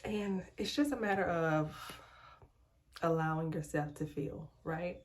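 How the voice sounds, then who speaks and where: A young woman vlogger chatting candidly in a hushed, halting, reflective way while doing her skincare in a bathroom at home. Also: deep voice. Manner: hushed, so as not to be overheard. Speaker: lifestyle vlogger.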